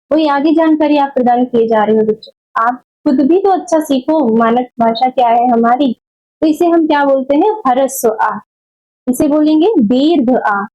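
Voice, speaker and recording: A woman teaching a Hindi grammar lesson, explaining slowly and deliberately and correcting common mistakes. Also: high voice, muffled recording. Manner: slow, deliberate explaining with repeated checks; corrective, scolding about wrong teaching. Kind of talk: exam-prep grammar lesson.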